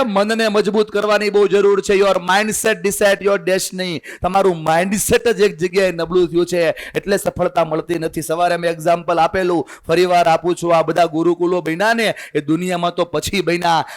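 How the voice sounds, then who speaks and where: High-voiced man rousing a student crowd. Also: fairly even intonation, moderate pace, few pauses. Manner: rousing, drills the crowd with call-and-response. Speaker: motivational speaker. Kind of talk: motivational seminar talk. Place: hall full of students.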